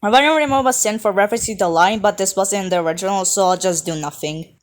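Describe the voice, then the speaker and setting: A woman's voice: medium pitch, fast. A woman giving sarcastic roast commentary, snarky and full of swearing.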